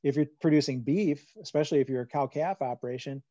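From a home room, a man answers audience questions about farm finances in a webinar, talking conversationally with many fillers and restarts. His mid-range voice is quick and mellow with no room sound, picked up by a computer microphone as dull lo-fi video call audio.

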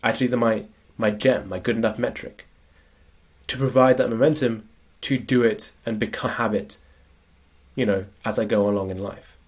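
A productivity coach with a lowish, slightly rough voice speaks at normal speed with fairly even intonation, sniffly from a cold. Sharing his slides, he keeps the lecture conversational and often asks "right?"

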